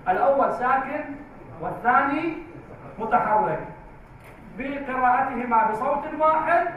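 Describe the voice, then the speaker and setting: A man teaching a tajweed class in a classroom, slow and drawn-out, repeating key words for the class. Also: extremely high pitch, a little hiss or hum. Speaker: Quran recitation teacher. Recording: very echoey, distant, tinny phone-like sound.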